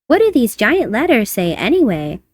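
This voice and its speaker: A man's voice: very high-pitched, huge pitch swings, moderate pace, dry recording, studio quality, pitched above the performer's own voice, heavily acted. A man voicing a naive, cheerful young woman who is a fairy magician, in a storybook reading. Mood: curious. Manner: bubbly, innocent questions.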